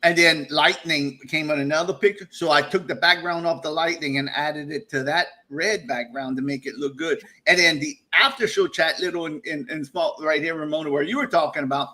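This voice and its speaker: A man hosting a casual live-stream chat, loud and animated, laughing often and rambling through shout-outs. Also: a little high, a little fast, few pauses. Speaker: podcast host.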